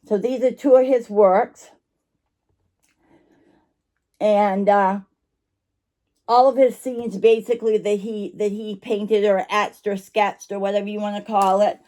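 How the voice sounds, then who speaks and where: In a dark, mid-range voice with fairly even intonation and no hurry, a woman chats casually to camera about finds from her online vintage shop. She rambles and apologizes, breaking into her own sentences while chewing gum.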